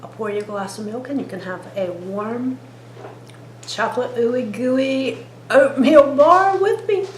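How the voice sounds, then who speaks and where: A woman's voice: on the high side, expressive, a little slow, roomy sound, a little hiss or hum. A woman chatting to viewers in a homey way as she cooks in her home kitchen. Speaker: cooking vlogger. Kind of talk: casual cooking vlog.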